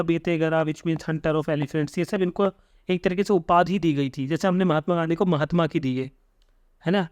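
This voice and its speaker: A young man teaching an exam-prep history lesson, reading notes slowly, then explaining them quickly and stumbling over hard names. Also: high voice, darkish tone, no room sound, studio quality. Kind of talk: lecture reading notes aloud, explaining in mixed Hindi and English.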